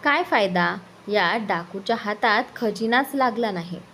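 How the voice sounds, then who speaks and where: A woman voicing a mischievous young husband who sneaks up on his wife, speaking in a low, whispery tone. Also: animated, unhurried, fairly bright tone, slight background noise.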